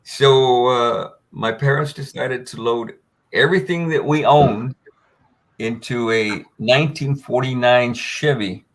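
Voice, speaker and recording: An older American man with a slow, mid-range voice tells a long personal story as a panel guest, filling it with fillers and restarts.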